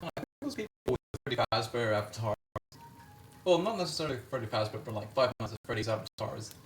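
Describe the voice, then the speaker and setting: A man's voice: mid-range voice, sing-song, fast talker, a bit bright, echoey room, far from the mic, slight background noise, rough recording. A man streaming live from home, chatting casually while he cooks, swearing freely and laughing often. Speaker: livestreamer. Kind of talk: casual livestream chat while cooking.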